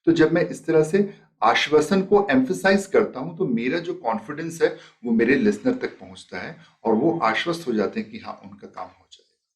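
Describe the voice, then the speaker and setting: A man's voice: medium pitch, expressive, normal speed, distant mic. A man teaching a life skills lesson, explaining step by step and acting out example sentences. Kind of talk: spoken lesson with demonstrations.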